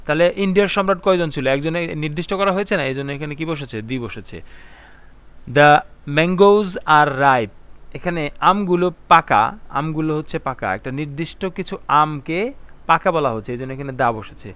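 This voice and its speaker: A man explaining English grammar, reading example sentences slowly and answering his own questions. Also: on the high side, a bit bright, smooth. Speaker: English teacher.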